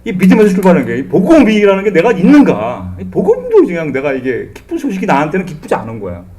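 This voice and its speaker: A middle-aged man preaching a sermon in church as pastor, animated and humorous, acting out the voices he quotes. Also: high voice, fast talker, crowd noise. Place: church sanctuary.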